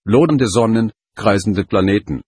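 A man's voice: fairly low pitch, moderate pace, darkish tone, slightly rough, no echo. A man reading an audiobook, voicing a skeptical lab assistant who speaks curtly. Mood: amazed. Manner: curt, brusque. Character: gruff male lab assistant Khan, skeptical.

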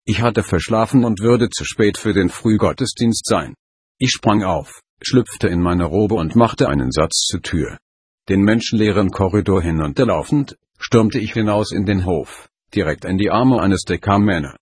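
A man reading a first-person story aloud in a steady, measured way. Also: low voice, breathy edge, no room sound, studio quality. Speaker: audiobook narrator. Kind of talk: scripted first-person narration.

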